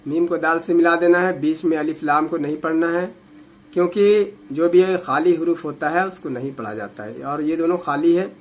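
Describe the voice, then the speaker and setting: A man with a slightly high voice teaches Quran reading. He spells out each syllable very slowly, drawing the sounds out with patience. The pace stays unhurried from start to finish. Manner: patient, drawn-out syllable drilling. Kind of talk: slow spelled-out recitation lesson.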